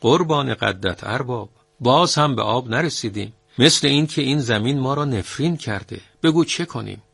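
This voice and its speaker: A man voicing a weary middle-aged head well-digger who pleads with his master in a raised, husky voice. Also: medium pitch, lively intonation, a bit bright, no room sound, voice pushed up, heavily acted. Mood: pleading.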